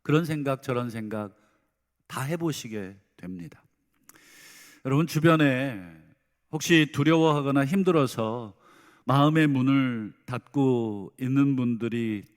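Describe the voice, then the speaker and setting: Middle-aged male pastor, earnest sermon delivery, hushed pleas and emphatic swells, ringing church reverb. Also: medium pitch. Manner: earnest, swings between soft pleading and loud emphatic bursts. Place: church sanctuary.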